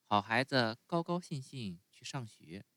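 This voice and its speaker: Man voicing a kind fairy mother, calm, soft-spoken, animated pitch, dry close sound. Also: unhurried, no echo. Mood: motherly. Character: gentle kindly fairy woman, motherly.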